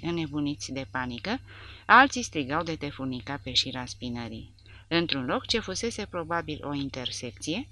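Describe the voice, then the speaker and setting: A woman's voice: low voice, bright, forceful tone. A woman reading a war novel aloud as an audiobook narrator, with dramatic storytelling delivery. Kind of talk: scripted narration.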